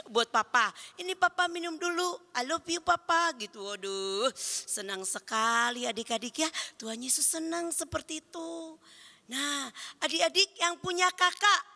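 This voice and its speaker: A woman's voice: sits high, bright, forceful tone, big-room sound. A woman teaching children at Sunday school in a playful way, asking them questions and answering for them.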